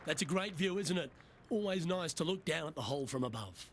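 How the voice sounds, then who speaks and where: Higher-voiced male golf commentator, noisy backdrop. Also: expressive, brisk. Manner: golf commentator delivery, brief upbeat shot calls. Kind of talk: golf commentary in a video game. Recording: clear background noise and ambience.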